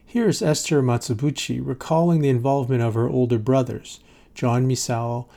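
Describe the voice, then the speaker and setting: A male host reads scripted documentary narration in a measured way, his voice low in tone and gravelly at the edges. He introduces each guest in turn. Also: steady tone, mellow.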